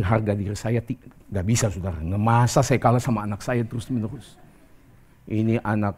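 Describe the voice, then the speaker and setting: A middle-aged man preaching a conversational sermon as pastor, acting out quoted dialogue with lively jumps in pitch.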